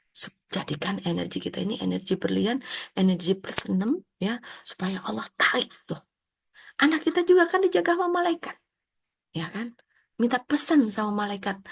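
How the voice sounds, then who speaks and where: Woman trainer, middle-aged, gravelly and husky, chatty animated religious lesson. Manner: chatty, animated, acts out quoted prayers in a high voice. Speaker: religious self-help trainer.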